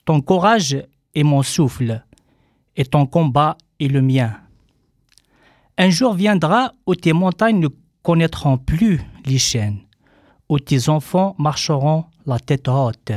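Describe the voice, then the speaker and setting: Man, reads a letter solemnly, slow and fairly high, dry close sound. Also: darkish tone, no echo. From Kabylie. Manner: solemn, measured reading. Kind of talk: reading a letter aloud.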